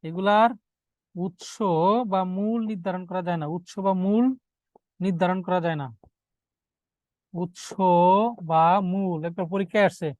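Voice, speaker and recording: Male teacher, higher-pitched voice, dry close sound; drills exam points by asking and answering, dictates notes. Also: steady tone, a little mellow, no room sound. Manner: repeats key points as questions to students, then answers them; dictates notes, slowing on key words. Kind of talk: exam-prep grammar lecture.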